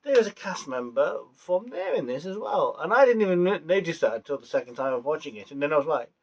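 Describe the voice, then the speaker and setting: A young man talks casually into the camera, his voice sitting a little high for a man. He rambles, circles back, fills gaps with ums, and chuckles at his own asides. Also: expressive, fast, a little mellow, husky. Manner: rambling, many fillers and restarts, laughs at his own jokes. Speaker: vlogger reviewing a TV series. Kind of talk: casual chatty review vlog.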